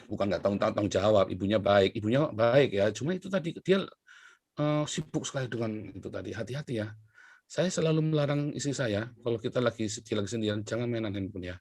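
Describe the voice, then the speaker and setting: A middle-aged man from Indonesia, a pastor preaching in a chatty, storytelling way, swinging between loud emphasis and quiet asides. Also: lowish voice, no echo, clean studio sound. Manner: chatty and anecdotal, with sudden rises and drops in volume. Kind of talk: sermon.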